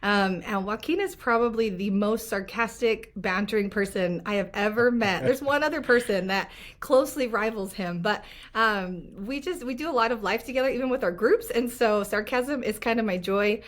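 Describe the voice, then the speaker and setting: A woman's voice: mid-range voice, normal speed, few pauses. A woman hosting a faith podcast, chatty, upbeat and teasing with her guest. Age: adult, former children's ministry leader. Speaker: podcast host. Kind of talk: casual podcast chat.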